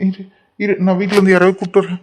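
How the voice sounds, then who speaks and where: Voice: mid-range voice, little pitch movement, racing, a little mellow, a little hiss or hum, natural voice. Someone voicing a brash hot-headed cartoon lad. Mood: worried. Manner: scolding, boastful, bickering. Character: brash young man, hot-headed and boastful. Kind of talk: cartoon voice acting.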